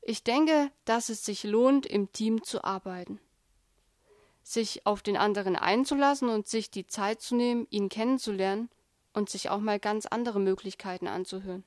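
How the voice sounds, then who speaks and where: Woman, devotional speaker, earnest and casual, mid pitch, dry close sound. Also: moderate pace, a little mellow, dry recording. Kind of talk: devotional talk with scripture reading.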